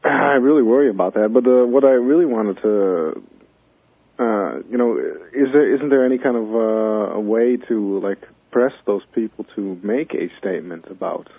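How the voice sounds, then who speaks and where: A man phones in to a radio talk show, his voice squeezed thin by the phone line and slightly husky. He speaks hesitantly, with many ums and uhs. His voice sits a little low, and the line is dry. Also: normal speed, no echo. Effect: phone-line caller on a radio show. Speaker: caller. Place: calling from abroad.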